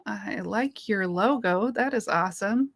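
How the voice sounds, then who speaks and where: Her voice is mid-range, gravelly and a little slow as she co-hosts a casual stream, giggling, chatting and thanking viewers. She's clearly losing her voice.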